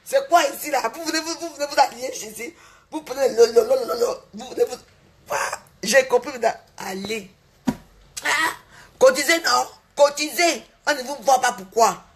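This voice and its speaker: A woman's voice: high voice, normal speed. A woman on a livestream, boasting and mocking her rivals in a repetitive, taunting rant. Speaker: social media livestreamer.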